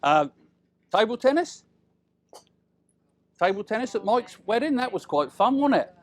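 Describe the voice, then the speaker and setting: A middle-aged British man giving an informal, humorous wedding speech as father of the bride, chatty and teasing, with deliberate pauses and tag questions. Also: sits high, big pitch swings.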